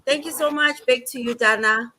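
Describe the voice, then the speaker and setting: Bright-voiced older woman. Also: a little high, normal speed, a little hiss or hum. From Zimbabwe. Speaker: guest on live stream. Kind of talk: casual live-stream introduction.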